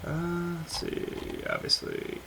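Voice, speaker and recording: A man hosting a podcast in casual chat, talking haltingly with lots of fillers as he thinks aloud. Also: high-pitched, monotone, noisy background. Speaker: podcast host.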